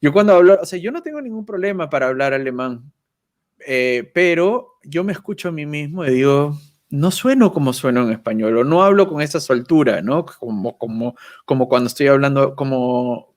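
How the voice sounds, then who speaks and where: A man chatting as a guest on a video call, thoughtful and self-deprecating, often ending phrases with a questioning "right?". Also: medium pitch. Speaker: guest YouTuber. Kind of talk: casual chat.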